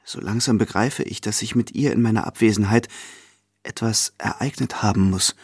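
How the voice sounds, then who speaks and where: A man narrating a classic novel in the first person, his voice husky in a medium register. He reads in a measured way, leaning into the drama of each scene. The sound is close and dry, with no room around it. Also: lowish voice, darkish tone, no room sound. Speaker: reader.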